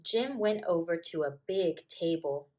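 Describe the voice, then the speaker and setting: In a lowish voice, the female teacher narrates a children's picture book aloud, pacing it deliberately and giving it expressive storytelling.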